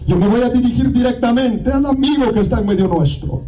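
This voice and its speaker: Impassioned high-voiced Guatemalan preacher. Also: male voice, a little fast, far from the mic, poor audio. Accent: Guatemalan Spanish. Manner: impassioned, shouting and half-singing climaxes; repeats "amado hermano" as a refrain. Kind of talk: evangelical sermon.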